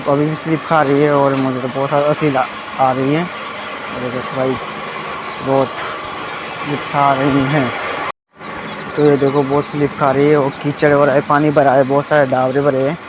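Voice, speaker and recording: With little pitch movement, a medium-pitched male voice at moderate pace runs through loose, repetitive vlog commentary on a muddy dirt road, often repeating "ye dekho" and "bhai." The young vlogger's phone camera records dull lo-fi sound swamped by loud outdoor noise.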